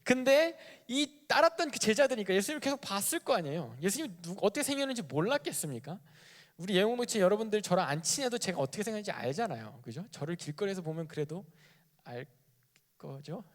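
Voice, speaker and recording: A man with a high voice preaches a youth sermon, talking to the congregation like a conversation. He puts questions to the listeners and acts out the quoted voices. The sound carries a long reverb from the church room. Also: quick pace. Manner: acts out quoted characters in lively bursts. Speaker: youth pastor. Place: church sanctuary. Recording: live church stream with long hall reverb.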